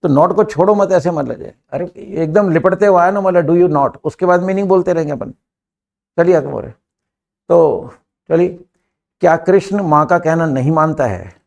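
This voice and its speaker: Man, middle-aged, English teacher, classroom lesson, brisk commanding drills, raspy fry. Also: fairly high pitch, a little mellow, muffled recording.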